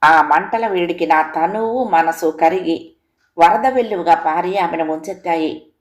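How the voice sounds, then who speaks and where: A woman's voice: fairly low pitch, measured pace. Woman reading a literary audio story. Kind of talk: scripted audio story narration.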